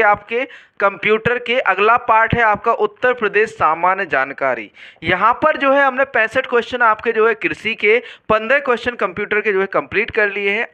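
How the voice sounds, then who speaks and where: A man's voice: sits high, pushed and bright, clean tone. A man teaching an exam-prep lesson, quizzing students and repeating each question and answer back to them.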